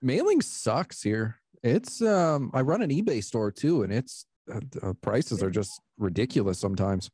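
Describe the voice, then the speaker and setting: A man hosts a casual podcast chat in an easygoing, laughing manner. His voice is mellow and warm, with a dry close sound. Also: mid-range voice, expressive, measured pace, hardly any pauses, husky, dry recording. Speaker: podcast host.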